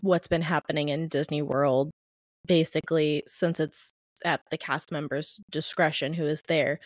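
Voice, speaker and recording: A woman's voice: low voice, fairly even intonation, moderate pace, no room sound, studio quality. A woman co-hosting a podcast, chatting casually and hedging with "I think" and "like". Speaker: podcast co-host. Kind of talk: casual chat.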